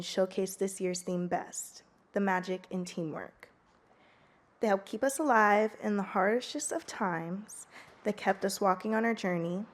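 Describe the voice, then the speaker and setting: A young woman in her late teens stands up as a student speaker. She delivers a prepared public speech, reading steadily in an earnest, heartfelt way. Her voice sits at an ordinary middle pitch.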